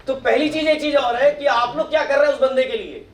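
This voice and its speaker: Middle-aged male speaker at a professional meet; quizzes the room, high pitch, distant roomy sound. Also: a little fast. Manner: asks the audience questions and acts out their replies. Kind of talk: motivational talk to an audience. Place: meeting hall with audience. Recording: echoey hall, mic from far off.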